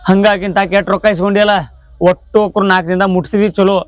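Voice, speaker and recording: An actor playing a stern elder brother who lent money, speaking with a North Karnataka accent in a threatening way. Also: male voice, sits high, level tone, very fast, no room sound, close to an everyday voice. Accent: North Karnataka Kannada. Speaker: angry elder brother in a village drama. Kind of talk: short-film acting. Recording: slightly dull audio, faint music.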